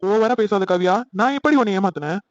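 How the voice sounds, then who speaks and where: A man voicing a hot-tempered young boyfriend in a cartoon, angry and shouting. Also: sits high, fast talker, dry recording, dull audio. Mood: furious.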